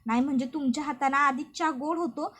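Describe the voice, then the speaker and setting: A woman's voice: high-pitched, brisk, a bit bright. A woman voicing a playful, persistent village husband who teases in a rural dialect. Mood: teasing. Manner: rural dialect, teasing, insistent. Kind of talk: recap narration with read-out dialogue.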